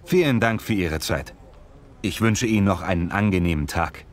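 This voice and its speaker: In a scripted language-lesson dialogue, a man plays a polite street reporter conducting a survey, asking questions in an inquiring, courteous way. As the interviewer, he has a deep, natural voice and a moderate pace.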